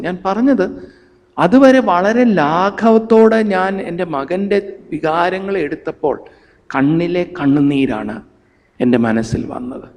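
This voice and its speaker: Middle-aged male pastor, storytelling sermon, high voice, echoing hall. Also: a little mellow. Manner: storytelling, acts out family dialogue, mixes in English phrases. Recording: long hall reverb.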